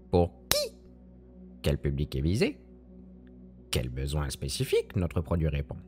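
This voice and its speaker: A woman presenting a scripted, playful explainer in a theatrical, teacherly manner. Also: a bass voice. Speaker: podcast presenter.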